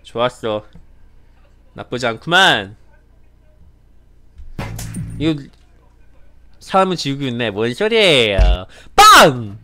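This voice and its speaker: A young man giving excited game commentary as a streamer, pleading, laughing and repeating himself. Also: mid-range voice, smooth, faint music behind. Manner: animated, pleading and laughing, repeats phrases rapidly. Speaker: gaming streamer.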